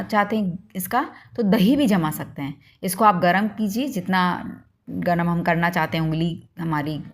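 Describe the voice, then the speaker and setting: A woman hosting a home cooking demonstration, explaining each step to viewers in a homely, instructive way. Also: fairly low pitch. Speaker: cooking channel host.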